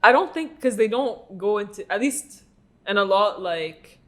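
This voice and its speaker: A young man with a noticeably high voice chats casually on a podcast. He agrees readily and often trails off with "I don't know" in loose conversation. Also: lively intonation, unhurried, fairly bright tone. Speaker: podcast co-host. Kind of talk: casual chat.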